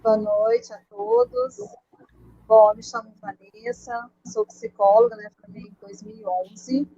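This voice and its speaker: A woman's voice: fairly high pitch, sing-song, unhurried, dark tone, breathy edge, highs cut off. A woman panelist introducing herself informally on a live online discussion. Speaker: psychoanalyst, panelist.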